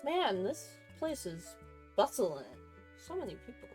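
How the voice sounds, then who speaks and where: A woman's voice: fairly high pitch, sing-song, measured pace, a little mellow, faint music behind. A woman reading the lines of a worried male village shopkeeper. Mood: fretful.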